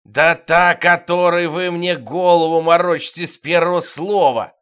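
A man's voice: fairly high pitch, big pitch swings, moderate pace, breathy edge. A man voicing an impatient, exasperated king in an audiobook.

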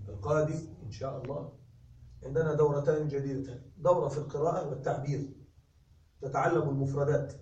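A man teaching grammar to a class, speaking in a high voice and stretching out his examples for emphasis. He keeps checking that students follow along. The sound is roomy and distant, with a faint hiss behind it. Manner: slow emphatic dictation of examples, checking understanding. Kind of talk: classroom lecture. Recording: echoey room recorded from a distance.

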